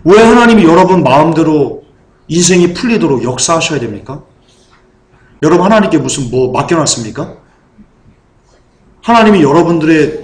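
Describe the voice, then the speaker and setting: A man preaching a fervent sermon as pastor. He keeps asking the congregation questions. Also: fairly high pitch. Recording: echoey hall.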